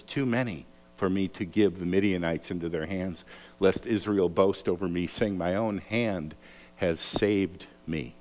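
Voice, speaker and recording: A male pastor preaches at a slow, deliberate pace, his voice sitting a little low. He tells stories and acts out the quoted lines with sudden lifts in pitch. His voice rings with a long reverb, as if recorded in a church sanctuary. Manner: animated storytelling, acts out quotes with raised pitch. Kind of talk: sermon.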